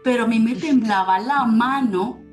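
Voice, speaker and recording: A woman's voice: fairly high pitch, normal speed. A woman telling a personal story with emotion and turning it into a spiritual teaching. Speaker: spiritual speaker. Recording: roomy echo with faint music.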